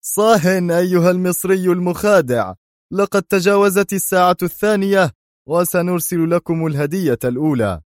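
A man acting out a hoarse, sneering hijacker. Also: fairly high pitch, animated, moderate pace, no echo, studio quality, voice pushed up, lightly acted. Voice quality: hoarse, fierce. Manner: sneering, threatening. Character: cruel mocking male hijacker leader.

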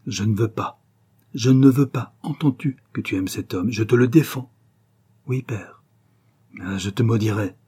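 A man voicing a stern, angry older father who shouts in outrage, with a hoarse low edge. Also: moderate pace. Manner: loud, harsh, outraged.

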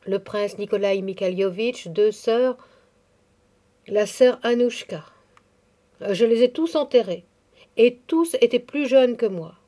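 A woman reads the part of a devout elderly nursemaid in grief, her manner tender, pious and softly confiding, the mood mournful. Her voice sits on the high side, slow, with long pauses.

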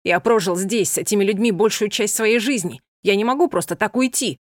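A woman's voice: mid-range voice, fairly quick, no echo, studio quality, natural voice. A woman voicing an impulsive young man who answers defiantly.

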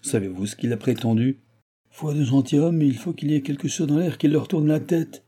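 A man's voice: a little high, fairly quick, slightly rough, voice pushed up. A man doing a scornful old baron, blustering. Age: older. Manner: blustering, mocking, loud outbursts. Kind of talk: audiobook character voice.

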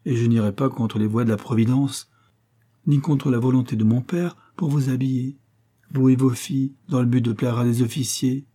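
A man's voice: mid-range voice, fairly even intonation, normal speed, dark tone, natural voice. Man voicing a prim, stingy old spinster. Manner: prim, dry, sly.

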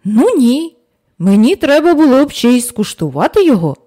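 A woman's voice: sits high, very animated, moderate pace, dark tone, voice pushed up. Woman reading as an eager young man. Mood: questioning. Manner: earnest, questioning. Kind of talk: audiobook character reading.

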